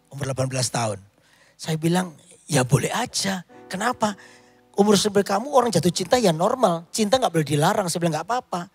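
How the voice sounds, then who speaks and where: A man's voice: sits high, gravelly, husky. A male pastor preaching a sermon, telling stories with quoted dialogue and rising to emphatic points.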